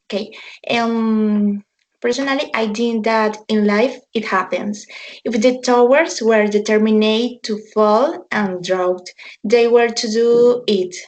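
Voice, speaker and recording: A woman's voice: a little high, fairly even intonation, slow pace. A woman in her early twenties, a Spanish speaker studying English, speaking hesitantly on a video call. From Colombia. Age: 20s. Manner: hesitant, with restarts and fillers. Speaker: English student. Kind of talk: introduction and answer in class discussion.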